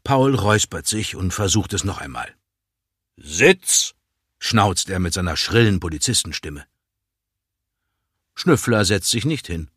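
Man, storybook narrator, slow expressive reading, lively pitch, lowish voice, dry sound. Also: slightly rough, no room sound. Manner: slow, expressive read-aloud delivery.

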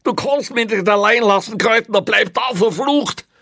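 Frantic drunk prisoner, high-pitched shouting and stammering, done by a man. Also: lively intonation, unhurried, vocal fry, dry recording, clean studio sound, heavily acted.

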